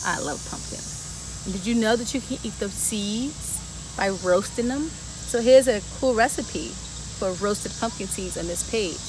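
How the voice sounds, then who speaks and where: With insects buzzing steadily, a garden educator reads to children outdoors in a fairly high voice, sitting on a bench before leading a walk among the plants. She's lively and speaks right to the kids, asking them questions. A camera a few feet away records the audio, with no microphone in view.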